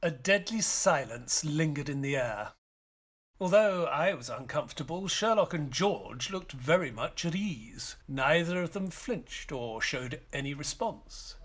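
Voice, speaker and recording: An actor playing a polite, attentive doctor who is a detective's sidekick and tells the story in an audio play. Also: male voice, a little high, expressive, unhurried, a bit bright. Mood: suspenseful narration. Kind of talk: audio play acting and narration.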